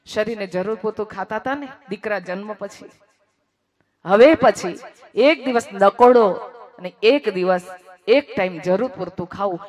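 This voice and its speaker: Moral storyteller, emotional, repeats lines for emphasis, mid-pitched voice. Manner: dramatic, swings between hushed and raised voice.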